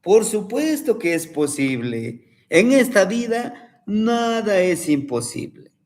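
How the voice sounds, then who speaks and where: Man doing a high cheerful ant girl. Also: very animated, slow, darkish tone, heavily acted. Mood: encouraging. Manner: upbeat, encouraging. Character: cheerful adventurous female ant friend.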